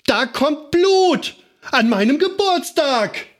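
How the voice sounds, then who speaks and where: Storybook girl, small and stubborn, shrieky high wails, put on by a male reader. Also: animated, normal speed. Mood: wailing. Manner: shrieking, wailing.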